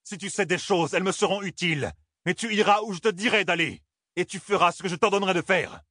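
A man voicing a young male hero in an audiobook, stern and commanding, rising to shouts when angered. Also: medium pitch, a little fast, dry recording, clean studio sound, voice pushed up, natural voice. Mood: furious.

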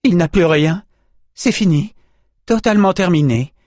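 A man reading an audiobook, voicing an indignant, scolding female sorceress who was once the hero's mentor, pitching his voice higher for her. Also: measured pace, a little mellow, dry recording, studio quality. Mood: demanding. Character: fierce female sorceress, exasperated former mentor.

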